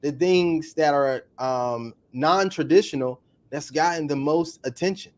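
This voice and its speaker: This casual interview features a coach as guest, his voice fairly high-pitched. Enthusiasm comes in fast bursts: when something excites him, he speeds up and becomes animated.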